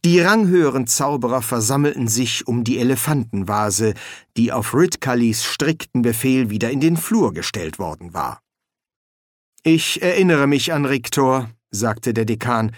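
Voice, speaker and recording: An audiobook narrator reading a comic fantasy story in a measured, expressive way. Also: medium pitch, no echo, studio quality. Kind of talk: scripted narration.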